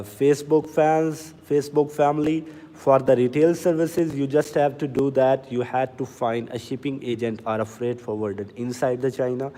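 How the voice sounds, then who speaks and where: Slow-talking man in an echoey hall. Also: medium pitch, dark tone. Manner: deliberately slow, earnest, reads out comments. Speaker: livestream sales host for farm machinery. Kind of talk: casual livestream talk to viewers. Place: inside a factory or showroom.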